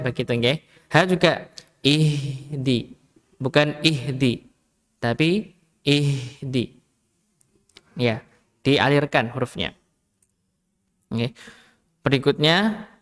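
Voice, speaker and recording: A young man teaching Quran recitation in a mosque, slowly demonstrating sounds again and again. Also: on the high side, smooth. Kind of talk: mosque study lesson.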